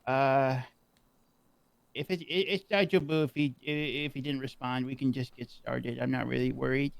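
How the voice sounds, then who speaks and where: A man's voice: medium pitch, fairly even intonation, moderate pace, creaky, no room sound. A man speaking as a cheerful, unbothered defendant in a role-play court.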